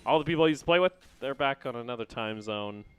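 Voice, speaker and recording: A man's voice: mid-range voice, expressive, quick pace, clean tone. A young man casting a live esports match, chatting casually with his co-caster.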